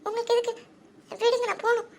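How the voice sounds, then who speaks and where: A woman's voice: very high-pitched, little pitch movement, fast talker, slight background noise. A woman voicing a shy, frightened young woman in a cartoon, nervous and pleading. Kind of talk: cartoon voice acting.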